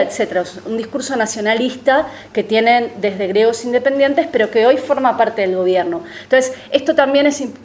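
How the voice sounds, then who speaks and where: Woman, panel speaker, slightly high voice; analytical and measured, lots of hesitation fillers. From Argentina. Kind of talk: political talk to an audience.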